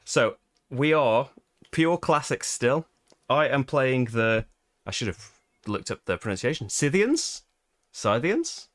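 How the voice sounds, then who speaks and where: A British man hosts a live board game playthrough in a casual live-stream chat, frequently laughing at his own expense. His mid-range voice is very animated yet slow-paced, recorded at studio quality with no room sound.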